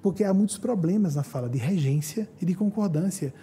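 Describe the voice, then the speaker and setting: A middle-aged man from Northeast Brazil with a Northeastern Brazilian accent, giving a lively lecture to a live audience, acting out voices and asking the audience questions. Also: high-pitched, brisk, slight background noise. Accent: Northeastern Brazilian Portuguese.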